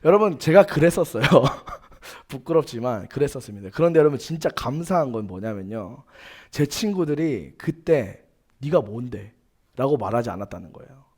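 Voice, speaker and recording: A man's voice: mid-range voice, expressive, a little fast. A young man preaching a sermon as youth pastor, earnest and emphatic, telling personal stories with quoted dialogue. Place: church sanctuary.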